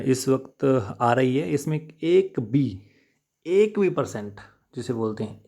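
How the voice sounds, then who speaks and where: A man's voice: medium pitch, dark tone. A man working through exam questions as a teacher in an unscripted lesson, chatty, repeating key answers and addressing viewers directly.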